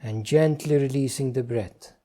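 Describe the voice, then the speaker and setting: Medium in pitch, dark and relaxed, a man's voice guides a meditation. He gives soft instructions in short phrases, pausing without hurry after each.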